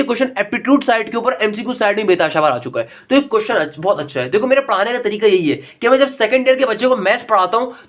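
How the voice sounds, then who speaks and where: A man giving a recorded maths lecture, talking to his students in a fatherly, lecturing way and slowing down to read out formulas. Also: high voice, a bit bright. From Pakistan. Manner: slows right down when reading out formulas. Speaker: maths teacher.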